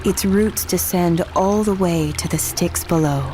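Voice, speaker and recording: A woman playing a soft, confident night hag who guides in measured, formal speech in a fantasy video game. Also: fairly low pitch, slight background noise, close to an everyday voice, low-quality recording. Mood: calm, confident.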